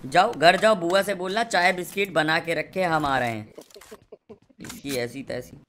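A man's voice: on the high side, unhurried, fairly bright tone, slight background noise. A young man streaming a game and doing sponsored commentary, with crude, rowdy, teasing banter. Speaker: gaming streamer.

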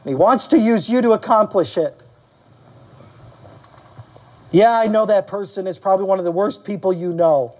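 A male pastor preaching to his congregation in a church service. He talks animatedly and leaps higher in pitch to act out quotes. He asks his listeners questions and calls out for amens. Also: brisk, warm tone. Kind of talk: sermon.

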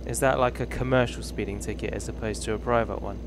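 A man in his thirties from England hosts a casual livestream of a driving game, rambling and teasing himself in a British accent. His medium-pitched voice stays steady at a quick pace, accompanied by the game's engine and road sounds.

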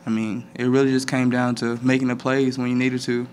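Young male athlete at a press table mic, flat steady delivery, light room ambience. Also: mid-range voice, a little hiss or hum. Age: young adult. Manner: flat, measured, many "I mean" fillers. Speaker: college football player. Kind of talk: postgame press conference answers. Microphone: table microphone.

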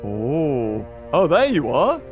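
A young man with a sore, rough throat narrates his gameplay in a casual, excitable way. His voice sits a little high and swings widely as he reacts. Game music plays softly underneath. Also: takes it slowly. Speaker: gaming video host.

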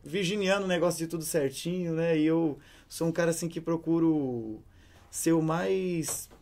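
A young man from Brazil with a Brazilian Portuguese accent, a singer answering interview questions in a relaxed, chatty way. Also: a little high, normal speed. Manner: relaxed, chatty, with many fillers. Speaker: singer and songwriter, interview guest. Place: hotel room studio set.

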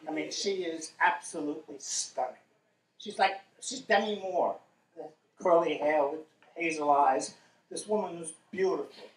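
A man casually telling a personal story, animated and wry, swearing freely. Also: on the high side, unhurried. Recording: roomy echo, distant mic.

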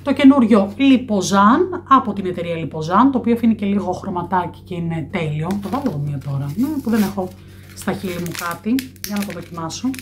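A woman's voice: medium pitch, animated, a little hiss or hum. Chatty woman showing products to camera. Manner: chatty, fills pauses with "e". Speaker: vlogger. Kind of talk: product review vlog. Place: small room indoors by a window.

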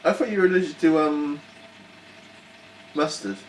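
Man, blunt joking co-host, high-ish voice, distant mic, roomy echo. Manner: blunt, swears, quick jokes. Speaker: food review co-host. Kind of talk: casual taste-test banter. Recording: echoey room, distant mic, faint noise.

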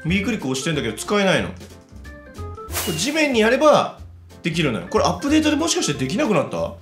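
A man giving casual let's-play commentary, chatty and excitable, talking to himself as he plays. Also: sits high, rapid-fire. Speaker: game commentator. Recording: roomy echo with background music.

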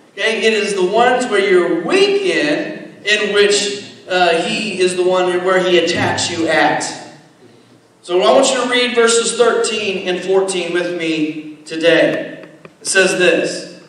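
A man with a fairly high voice preaches to his congregation, pausing often to ask "okay?" and hammering key words through repetition. His voice rings through a large, reverberant church sanctuary. The mic sits some way off, so he sounds distant. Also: a bit bright. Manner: deliberate preaching with repeated "okay" checks and emphatic repetition. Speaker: pastor. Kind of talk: sermon. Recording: echoey church hall from a distance. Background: long hall reverb.

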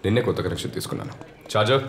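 A man's voice: fairly low pitch, expressive, racing, slight background noise, close to an everyday voice. An actor playing a curt male police inspector in a dubbed film, asking short pointed questions. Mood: brusque. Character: terse male police inspector, sharp-minded. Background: film score.

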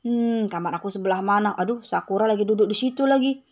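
A woman's voice: medium pitch, fast, natural voice. A woman voicing a drowsy adult in a game role-play who mutters and grumbles about noise. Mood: sleepy.

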